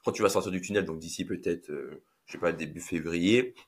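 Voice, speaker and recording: A man hosting a podcast, talking in a relaxed, hesitant way with lots of fillers. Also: deep voice, fairly quick. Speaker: podcast host. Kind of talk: casual podcast conversation.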